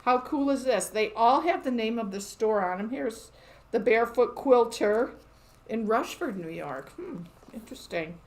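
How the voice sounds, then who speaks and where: A woman's voice: fairly high pitch, animated, moderate pace. Chatty, upbeat woman hosting a live show. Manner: chatty, upbeat, laughs often. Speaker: quilt shop host. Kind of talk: casual live show-and-tell. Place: quilt shop.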